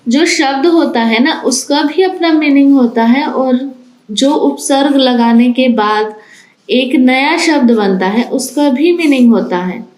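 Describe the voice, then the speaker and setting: A woman teacher giving a grammar lesson to young children, reading words out slowly and one by one as she explains them. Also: sits high, darkish tone, reverberant, poor audio. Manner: slow, deliberate, spells out words for children. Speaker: school teacher.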